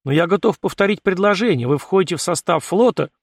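A man voicing a gruff, grim male fleet admiral in an audiobook, with stern and brusque speech. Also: sits high, animated, fast talker, no echo, clean studio sound, voice pushed up, heavily acted.

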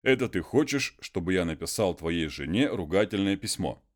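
A man voicing an educated gentleman who is patient but firm and talks in a measured, reasoning way. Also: deep voice, animated.

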